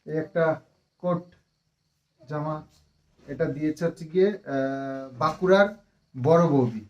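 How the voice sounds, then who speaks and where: In lo-fi sound, a woman from West Bengal speaks unhurriedly in a low, slightly mellow voice. This family vlogger chats casually to camera at home, rambling with lots of fillers after a tiring long ride, and is fond and teasing when addressing a child.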